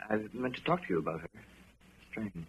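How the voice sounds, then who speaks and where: An actor playing a troubled, questioning fireman in a radio drama, earnest and halting. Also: on the low side, sing-song, slightly rough, exaggerated voice. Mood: subdued, anxious. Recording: noisy, slightly dull radio drama recording.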